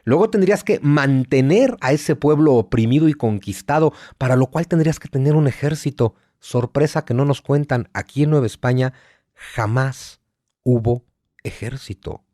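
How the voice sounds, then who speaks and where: A guest writer, a man in his forties from Mexico City by his accent, is interviewed conversationally, emphatic and lecturing as he strings together lists and rhetorical questions. He speaks at a moderate pace in a mid-range, dark voice, in studio-quality audio free of room sound.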